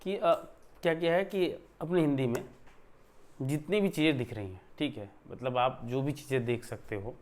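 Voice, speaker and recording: A man's voice: mid-range voice, moderate pace, darkish tone. A man teaching a grammar lesson in a conversational way, often checking in with his listeners and stressing words to show emphasis. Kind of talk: explanatory online lesson.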